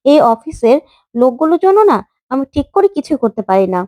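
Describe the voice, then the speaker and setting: A sharp-tongued young boss lady, quick to scold and full of herself, as a woman narrator puts her on. Her voice sits high and she speaks indignantly. The sound is close and dry. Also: sing-song, no echo. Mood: smug.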